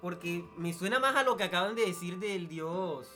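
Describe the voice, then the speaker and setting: A man's voice: high voice, animated, normal speed, pushed and bright. A young man co-hosting a casual podcast, talking loosely with slang and trailing asides. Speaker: podcast co-host. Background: faint background music.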